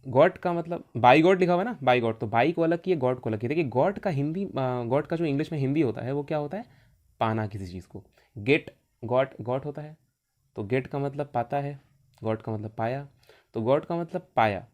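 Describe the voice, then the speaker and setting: A man's voice: mid-range voice, a little fast, darkish tone. A male teacher giving an exam-prep vocabulary lesson, asking questions and answering them himself, repeating key points. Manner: repetitive, asks and answers own questions.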